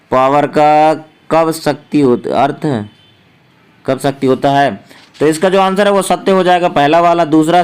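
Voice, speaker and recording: A young man with a higher-pitched voice teaches a class by working through an exam paper. He explains each answer step by step, thinking aloud with frequent fillers. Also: a little mellow, smooth. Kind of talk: exam paper walkthrough lesson.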